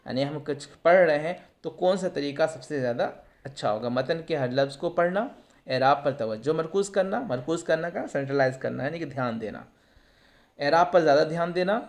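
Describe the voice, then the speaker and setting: A man's voice: a little high, expressive. A male teacher explains test questions, asking and answering his own questions and glossing terms in English. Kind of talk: exam prep lesson.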